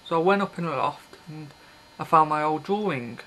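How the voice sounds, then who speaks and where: In a small bedroom with red curtains, a man in his thirties records a casual, rambling vlog to his webcam's built-in mic, blunt and offhand and often trailing off mid-thought. His slightly high voice is animated and fairly bright at a moderate pace, with slight background noise.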